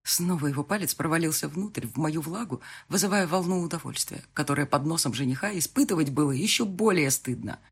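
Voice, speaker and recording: A woman narrating a first-person romance audiobook expressively, jumping to high, loud lines in the dialogue. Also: animated, brisk, hardly any pauses, breathy edge.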